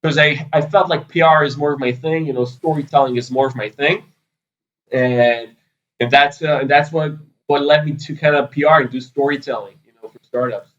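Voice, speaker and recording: A man's voice: mid-range voice, steady tone, moderate pace, a bit bright, highs cut off. A man in his thirties from Israel, answering interview questions in a loose, rambling way full of fillers. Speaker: podcast guest, PR agency founder.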